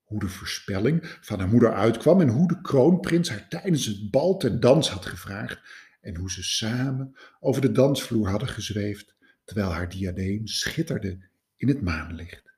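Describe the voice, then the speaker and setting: A man narrating a fairy tale in an expressive storytelling manner. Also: fairly low pitch, unhurried. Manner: expressive, lively.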